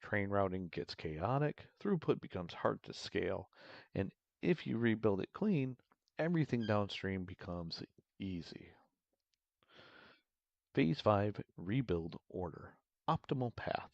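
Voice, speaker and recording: A measured, announcer-like narrator, as a man puts it on with a deep, gravelly tone. It is delivered a little louder than his usual talk. The sound is dry and slightly muffled. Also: dry recording, full character voice. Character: steady male narrator reading advice.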